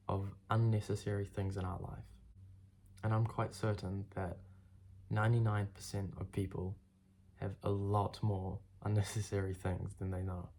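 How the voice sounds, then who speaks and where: A congested young man speaks straight to his viewers in a blunt, casual way, swearing as he goes. His low voice is gravelly with fry and sounds dark and mellow. He talks like a self-improvement vlogger giving a motivational pep talk. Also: a little hiss or hum. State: congested from a cold. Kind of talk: direct-to-camera motivational talk.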